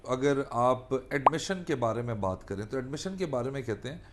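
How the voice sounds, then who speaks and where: Heavy background noise surrounds this mid-range, expressive male voice speaking at normal speed. A law lecturer and defence attorney with a Pakistani accent, he explains the law didactically, going back over points and using English legal terms.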